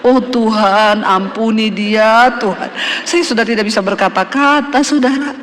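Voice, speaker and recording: A woman pastor preaching a sermon, addressing her listeners directly and emphatically, sometimes raising her voice to a shout. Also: a little high, measured pace, a little hiss or hum. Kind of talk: sermon to a congregation. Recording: long hall reverb.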